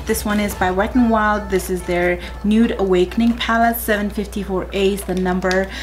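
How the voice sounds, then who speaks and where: Young woman vlogger talking thru her makeup, mid pitch, music in the back. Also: steady tone, normal speed. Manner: chatty, talks to viewers as "you guys", walks through each step. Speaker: beauty vlogger. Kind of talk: casual makeup tutorial chat.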